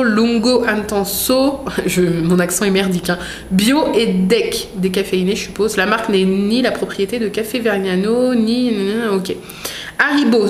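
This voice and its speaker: A woman vlogger chatting casually as she unboxes products, reading labels aloud with many fillers. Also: mid-range voice. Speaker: vlogger unboxing a food box. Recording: echoey room with faint noise.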